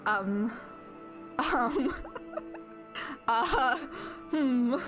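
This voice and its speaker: A woman with a fairly high voice reacts live to a game she is streaming. She is openly emotional and gushes expressively, with music playing clearly behind her. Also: animated, extremely slow. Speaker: streamer playing a visual novel. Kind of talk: live game playthrough, reading dialogue aloud and reacting.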